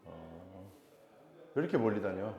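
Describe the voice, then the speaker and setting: A man's voice: low-pitched, expressive, unhurried, vocal fry, darkish tone, echoey room, dull audio, soft background music. A man teaching science to a small group in Korean, quizzing students often and repeating check-in questions. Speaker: science tutor. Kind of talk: classroom teaching.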